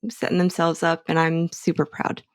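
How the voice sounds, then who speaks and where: A woman's voice: low voice, completely flat delivery, normal speed, clear, resonant tone, dry recording, clean studio sound. A middle-aged woman from Hawaii, speaking candidly and chattily as an interview guest. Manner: candid, chatty, self-assured. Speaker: interviewee, clinic staff member. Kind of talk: casual interview.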